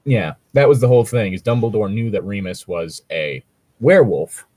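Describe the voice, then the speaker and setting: With a fairly low, expressive, slightly mellow voice at a moderate pace, a man co-hosts a casual discussion of fan fiction he reads out. He rambles and swears while explaining things, with no echo in the recording.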